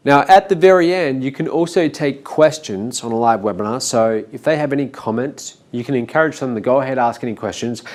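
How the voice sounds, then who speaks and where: A man teaching how to sell on a webinar, with a naturally monotone voice that he says he has to push into excitement. He spells things out slowly and repeats key points. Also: medium pitch. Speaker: webinar marketing instructor. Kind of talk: instructional talk.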